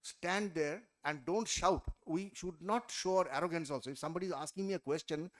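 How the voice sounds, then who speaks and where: A man with a high-pitched voice lectures a class on group discussion skills. He is emphatic, counts off his points one by one and keeps checking in with "okay?". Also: fairly quick. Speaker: trainer. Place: college event hall or classroom.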